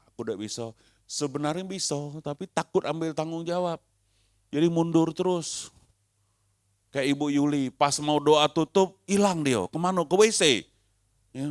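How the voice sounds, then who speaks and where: A man's voice: fairly high pitch, fairly bright tone, no room sound, studio quality. A male pastor preaching a sermon, asking rhetorical questions and acting out the people he quotes.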